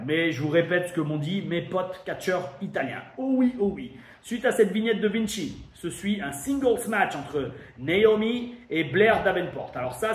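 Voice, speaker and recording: A man from France giving a chatty, emphatic review monologue as host of his wrestling show. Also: a little high. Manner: chatty, emphatic, thinks aloud. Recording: echoey room with faint noise.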